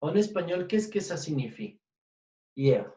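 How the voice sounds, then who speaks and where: Casting: male language teacher, slightly high voice, unhurried delivery, forever checking in with the class; dull, distant call audio in an echoey room. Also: animated, darkish tone. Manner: checks understanding with frequent "sí?" and "oui". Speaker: French teacher. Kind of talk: online class teaching in Spanish and French. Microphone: computer mic on a video call.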